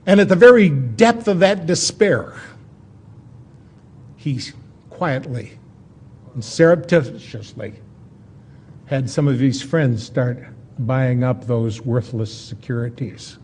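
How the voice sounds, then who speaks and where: A man giving an informal history lecture as a storyteller, in a folksy, conversational way with dramatic pauses. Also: medium pitch, lively intonation, darkish tone, slightly rough.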